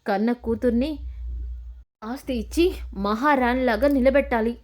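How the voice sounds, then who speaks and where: A cold, ruthless young woman scheming for an inheritance, played by a female storyteller. She speaks defiantly in a fairly high voice. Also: a little slow, natural voice.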